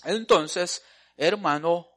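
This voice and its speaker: A pastor preaching a sermon, asking his congregation questions and swinging between loud and soft. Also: high-pitched, drawn-out words.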